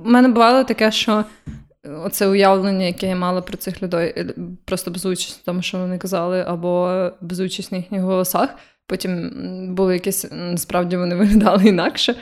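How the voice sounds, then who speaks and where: A woman's voice: lowish voice, fairly even intonation, fast. A young woman with a Ukrainian accent co-hosting a casual podcast, teasing and laughing, with hesitant fillers. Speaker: podcast co-host. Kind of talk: casual chat.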